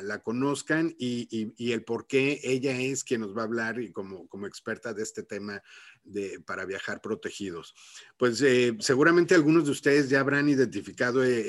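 A man hosting a conversational interview podcast, speaking in halting phrases and often repeating words as he goes. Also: medium pitch, no room sound, clean studio sound. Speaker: podcast host.

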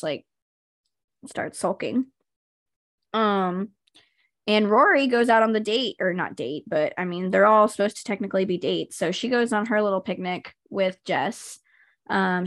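A woman's voice: medium pitch, no echo, studio quality. A woman hosting a podcast, recapping TV episodes in a chatty, rambling way, full of ums and likes. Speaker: podcast host.

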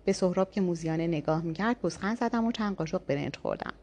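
A woman narrating a first-person audiobook story in a calm, even reading voice. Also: on the low side, a little hiss or hum.

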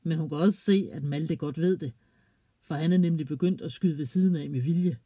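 A storyteller reading a children's story aloud in a plain, even way. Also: mid-range voice, breathy edge, dry recording.

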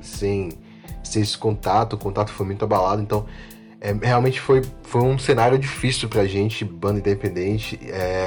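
Low-voiced man with a Bahian accent. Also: darkish tone. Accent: Bahian Brazilian. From Bahia, Brazil. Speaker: podcast guest, musician in an independent band. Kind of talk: casual podcast conversation.

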